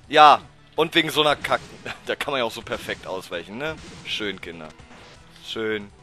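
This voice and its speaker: A man narrates his own gameplay, excitable and quick to blow up at the game. His voice sits high and lively, with a bright edge to it. Soft game music plays faintly behind him. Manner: excitable, frequent frustrated outbursts and swearing. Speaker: let's player. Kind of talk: blind let's play commentary.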